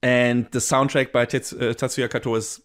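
A man in casual podcast chat, reviewing with bubbly enthusiasm. He rambles and restarts his sentences often, piling up thoughts as he goes. His voice sits at an ordinary middle pitch. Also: flat delivery, normal speed. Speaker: podcast co-host reviewing anime.

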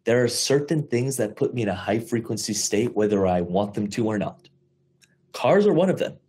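A man in his thirties gives a motivational talk on an investor call. His voice sits a little low. He is animated and casual, swears now and then, and rushes some phrases while stretching others out for emphasis. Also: slightly rough. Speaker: host of investor mindset call.

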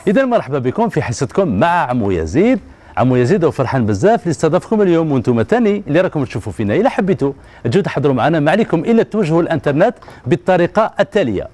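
A man's voice: a little high, big pitch swings, very fast, darkish tone, a little hiss or hum. A man in his thirties with an Algerian Arabic accent, hosting a children's TV show in a studio and coaxing the kids with questions. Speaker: children's TV host. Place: colorful TV studio set with children audience. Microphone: handheld mic.

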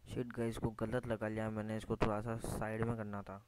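Fairly quick and lowish-voiced, a man chats casually over his gameplay for YouTube, calling out to viewers often with a constant "guys" and muttering at his own mistakes. The screen recording has a steady layer of noise.

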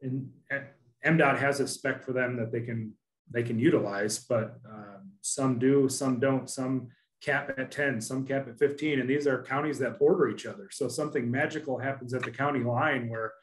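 A man's voice: medium pitch, steady tone, moderate pace. A man in his thirties joins a webinar panel over a video call from his office, speaking earnestly and often restarting his sentences. His voice sits in the middle range, and the room gives it a noticeable echo. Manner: earnest, many restarts and fillers. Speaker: panelist from an asphalt producer. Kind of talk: casual webinar discussion. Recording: roomy video call audio.

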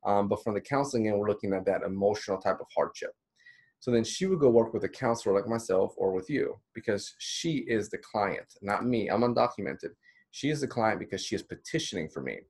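Man, thirties, from the Dominican Republic, lower register; counselor leading a friendly training slideshow. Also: expressive, a little fast, a little mellow, husky. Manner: conversational, encouraging, with many fillers. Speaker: counselor teaching a course. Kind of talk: recorded slideshow lecture. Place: small indoor room.

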